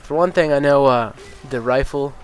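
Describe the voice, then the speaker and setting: He is a casual gamer guy and gaming YouTuber, sniffly from a cold, with a stuffy nose and a faint hiss in the background. His mid-range voice keeps a moderate pace. Rambling and swearing freely through his commentary, full of ums and uhs, he turns excited and incredulous about game balance.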